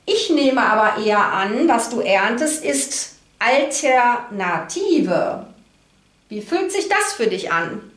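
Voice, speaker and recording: A middle-aged card reader speaks slowly in a sing-song voice that sits on the high side and sounds a bit bright. Hosting from a card table in an indoor room, she chats reassuringly with viewers and checks in with tag questions. Room echo colors the audio.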